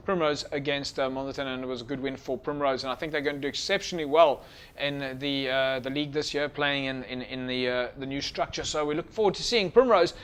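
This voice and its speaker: A man's voice: medium pitch, a little fast, fairly bright tone, clean tone. A man hosting a rugby TV show, chatty and loose with many fillers. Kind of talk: presenting between segments.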